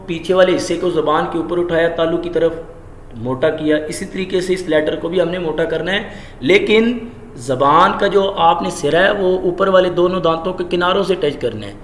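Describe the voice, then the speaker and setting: Man teaching letter sounds, roomy echo. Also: a little hiss or hum. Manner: demonstrates letter sounds slowly and loudly, then explains in a lower voice. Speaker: Quran recitation teacher. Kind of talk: tajweed pronunciation lesson.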